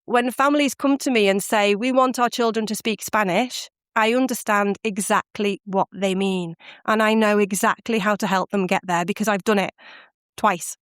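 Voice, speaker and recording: A middle-aged British woman who founded a language course tells her stories animatedly and laughs often as a podcast guest. Her mid-range voice is steady at normal speed, captured in clean studio sound with no echo.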